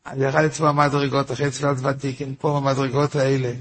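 A rabbi with a medium-pitched, flat voice that has a breathy edge tells a story during a weekly Torah lesson. He is repetitive, asks himself rhetorical questions, and turns to his listeners with informal asides.

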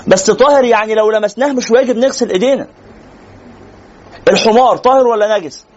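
A man with an Egyptian accent giving a religious lecture in a conversational, animated way, teasing and asking rhetorical questions. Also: high voice, fast, dull audio. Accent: Egyptian Arabic. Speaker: sheikh lecturer.

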